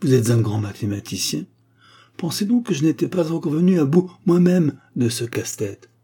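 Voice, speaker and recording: A man reading aloud and voicing a jovial, good-humoured elderly professor with a husky voice. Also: fairly high pitch, big pitch swings, normal speed, warm tone, pitched above the performer's own voice. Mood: admiring. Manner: cheerful, exclamatory.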